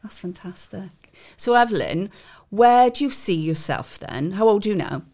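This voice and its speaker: A woman's voice: mid-range voice, expressive, moderate pace, warm tone. A woman, a youth theatre tutor chatting with and coaxing young members in a casual interview.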